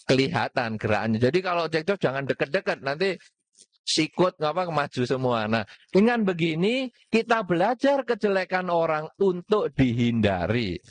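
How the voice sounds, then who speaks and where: A man's voice: a little high, dry recording. A man giving a Buddhist Dhamma talk, putting rhetorical questions to his audience and mixing in words. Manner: mixes in Javanese words.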